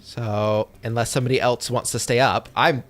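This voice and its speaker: A man's voice: mid-range voice, fairly even intonation, normal speed. A man playing a tabletop game, practical and a little hesitant. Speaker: player. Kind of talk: casual tabletop chat.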